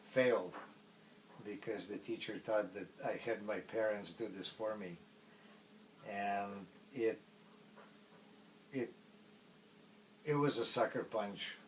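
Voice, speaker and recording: A middle-aged man from Poland with a Polish accent, a native Polish speaker, recalling his past in a casual interview in a halting way with many pauses. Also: on the low side, fairly even intonation, recorded from a distance, slight background noise, rough recording. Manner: halting, pausing often mid-phrase.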